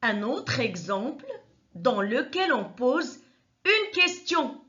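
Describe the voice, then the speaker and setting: A woman teaching a grammar lesson, explaining each example slowly and methodically and repeating the key points. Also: a little high, sing-song, bright, forceful tone, lo-fi sound. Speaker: French teacher.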